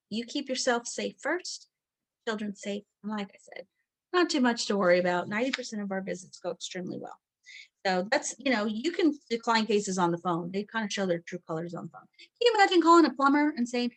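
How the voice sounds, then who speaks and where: A middle-aged woman teaches a training lesson in a chatty, candid way. She fills her talk with ums and acts out quoted phone calls. Her voice sits a little high. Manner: chatty and candid, with many fillers and quoted asides. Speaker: training instructor.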